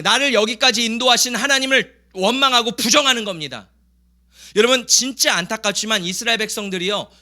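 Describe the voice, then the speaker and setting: Bright, lively-voiced male pastor preaching. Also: sits high. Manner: emphatic, asks the congregation questions; acts out the grumbling people in a raised voice. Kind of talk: sermon.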